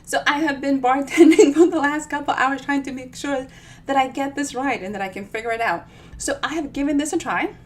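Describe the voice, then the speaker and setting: Brisk and high-sitting, the voice belongs to a Dominican woman author hosting a livestream storytime. She chats in a playful, bubbly, informal manner.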